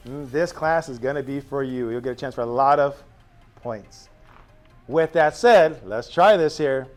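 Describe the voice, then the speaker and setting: A male teacher speaks to his new class on the first day, spinning stories with drawn-out asides. His voice sits high and swings widely in pitch. Soft music plays faintly underneath. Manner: animated storytelling, drawn-out asides.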